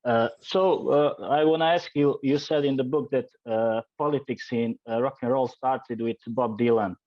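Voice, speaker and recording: A man from Montenegro hosting an interview in English, a non-native speaker asking questions slowly with many hesitations. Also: medium pitch, steady tone, no room sound. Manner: slow, hesitant, with many uhs. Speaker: podcast host. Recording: dull lo-fi sound.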